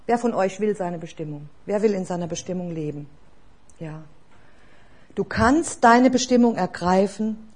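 A woman's voice: fairly low pitch, darkish tone, slightly rough. A woman preaching a sermon in an earnest, exhorting way, asking the listeners direct questions.

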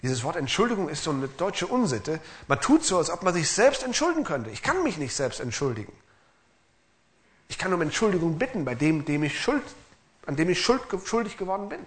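A man's voice: on the high side, big pitch swings, a little fast. Earnest, emphatic man preaching a sermon. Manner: earnest, emphatic, asks listeners direct rhetorical questions. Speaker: pastor.

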